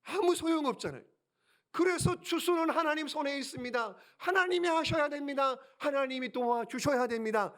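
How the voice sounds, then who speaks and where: A man's voice: extremely high pitch, animated, normal speed, a bit bright. A man preaching a sermon as pastor, emphatic, asking rhetorical questions and repeating key lines for his congregation. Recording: church sermon recording.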